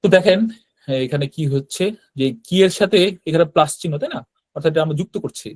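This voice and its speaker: A man's voice: on the high side, quick pace, darkish tone, dry recording. A man with a Bangladeshi Bengali accent teaching beginners in an online class, explaining patiently and often checking in with "right?". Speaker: Japanese language teacher. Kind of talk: online class with screen sharing.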